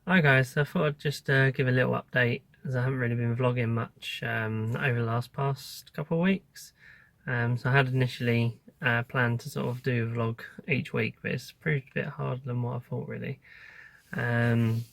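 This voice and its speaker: A man speaks in a gravelly, creaky voice at a middling pitch, recorded dry and close. He sounds like an informal vlogger giving a casual update, hesitating as he thinks aloud. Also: dry recording.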